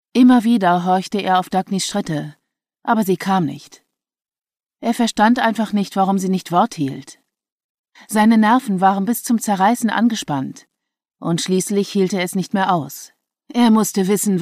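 A woman reading a novel aloud as an audiobook narrator, in calm, even storytelling. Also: mid-range voice, no room sound, clean studio sound. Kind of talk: scripted narration.

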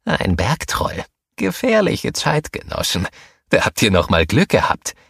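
A man's voice: mid-range voice, huge pitch swings, measured pace, gravelly, a bit bright, breathy edge, dry recording, clean studio sound, voice pushed up, exaggerated voice. A man doing a small, chatty cave troll. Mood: puzzled friendly. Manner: chatty and easygoing. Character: small harmless hairy male troll, friendly.

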